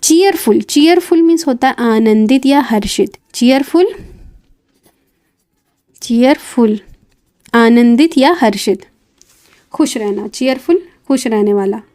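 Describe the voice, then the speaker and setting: A woman's voice: on the high side, lively intonation, slow pace, pauses often, dark tone. A woman teaching English vocabulary, spelling words letter by letter and repeating each meaning. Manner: adds short fillers and checks between words. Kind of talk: vocabulary lesson.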